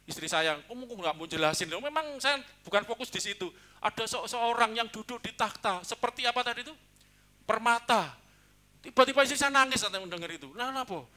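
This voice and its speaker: A man preaching a sermon as pastor, talking in a lively, joking way. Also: very high-pitched, brisk. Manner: lively, joking, mixes in Javanese.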